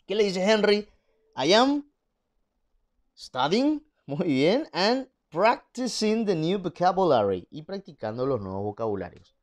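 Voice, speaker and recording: A young man with a Paraguayan Spanish accent teaching an online English lesson, sounding out English words slowly and translating each one into Spanish. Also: sits high, very animated.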